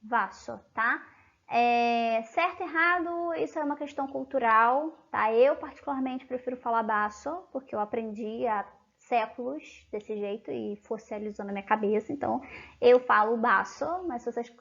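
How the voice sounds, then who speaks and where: A woman's voice: fairly high pitch, normal speed, vocal fry, a bit bright, muffled recording. A Brazilian woman giving an online language lesson in a chatty manner, often checking in with her students. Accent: Brazilian Portuguese. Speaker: language teacher.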